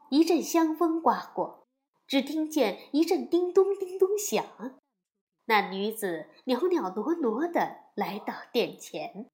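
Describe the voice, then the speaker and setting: A woman telling a classic story to young listeners in an expressive narration. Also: high-pitched. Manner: slow, expressive, lively storytelling.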